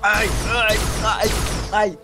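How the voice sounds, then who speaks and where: Very high-pitched frantic Brazilian gamer. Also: male voice, flat delivery, very slow. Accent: Brazilian Portuguese. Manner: frantic, whiny, keeps repeating himself. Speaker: gaming guest. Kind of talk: panicked gameplay role-play. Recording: background music under voice.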